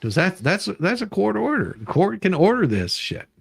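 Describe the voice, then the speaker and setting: A man hosting a livestream reads legal documents aloud and explains them in a casual way, repeating himself for emphasis and swearing now and then. His voice is high and creaky with a breathy edge, swinging hugely in pitch at a normal speed, and there's no echo.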